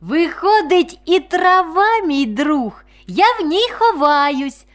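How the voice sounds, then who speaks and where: A woman's voice: extremely high pitch, expressive, slow, soft background music, voice pushed up, heavily acted. A woman voicing a tiny newborn fawn that asks wondering questions in a storybook reading. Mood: curious.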